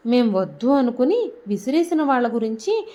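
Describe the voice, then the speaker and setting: A woman's voice: on the high side, very animated, normal speed, warm tone. A woman voicing a confident grown daughter who sounds cool and dismissive. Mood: cold, dismissive.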